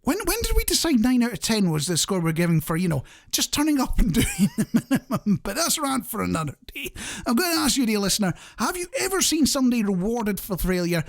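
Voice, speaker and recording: This radio show host has a mid-pitched, creaky voice and talks fast with very animated intonation. Speaking casually and conversationally straight to listeners, he drifts into wry, jokey asides.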